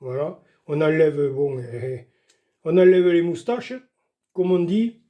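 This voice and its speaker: A man's voice: fairly high pitch, slow pace, muffled recording. An older man giving a chatty, folksy cooking demonstration in his home kitchen, talking viewers through each step. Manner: chatty, folksy, keeps saying "voilà" and "doucement". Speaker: home cook showing a recipe.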